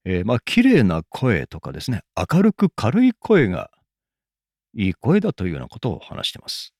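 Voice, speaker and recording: A man's voice: lowish voice, wildly swooping pitch, normal speed, darkish tone, no room sound, clean studio sound. A man hosting the show, recapping each segment with frequent fillers. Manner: recaps with many fillers, swooping intonation. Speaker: host summarizing segments. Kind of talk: recorded commentary between segments.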